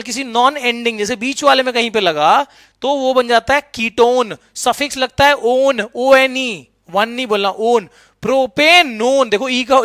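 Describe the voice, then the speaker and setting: A middle-aged man teaching chemistry in a lively lecture, often checking in with "right?" and mixing English terms into his talk. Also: very high voice, dry recording, clean studio sound. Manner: lively, keeps asking students "right?"; mixes English terms into Hindi. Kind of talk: explanatory classroom lecture.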